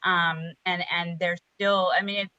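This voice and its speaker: Woman panelist, bright and lowish, halting talk, dry close mic. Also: little pitch movement, clean tone, no room sound, highs cut off. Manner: thinks aloud, halting restarts, light laughs. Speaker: parent panelist. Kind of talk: casual discussion.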